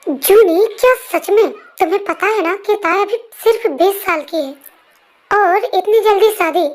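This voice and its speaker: A very high voice doing a strict scolding mother. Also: unhurried. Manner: scolding, sharp. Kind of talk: amateur fan dub voice-over.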